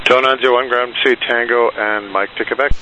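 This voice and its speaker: A man's voice: mid-range voice, steady tone, a little fast. A male air traffic controller giving clipped, procedural instructions over the radio. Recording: dull radio audio, faint hiss.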